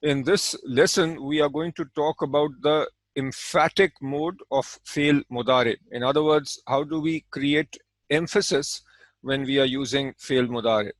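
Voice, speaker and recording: A man teaching an Arabic grammar lesson, explaining calmly and step by step, with Arabic terms spoken in between. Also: mid-range voice, unhurried, dry recording, rough recording. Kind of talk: recorded language lesson.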